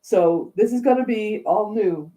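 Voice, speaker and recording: A chatty woman co-hosting a relaxed conversation, laughing easily as she talks. Her voice is mellow and warm at a middle pitch. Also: unhurried, rough recording. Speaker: co-host. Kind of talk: casual chat.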